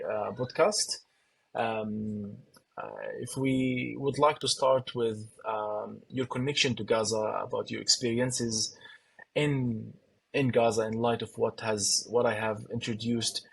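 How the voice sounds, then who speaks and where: Husky-voiced hesitant podcast host. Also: male voice, medium pitch, low-quality recording. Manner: hesitant, many fillers. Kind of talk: podcast introduction.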